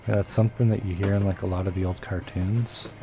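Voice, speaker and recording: Talking quickly in a deep, steady voice, a man streams his gameplay live. He keeps up casual chatter with viewers, rambling and using lots of fillers as he works things out aloud.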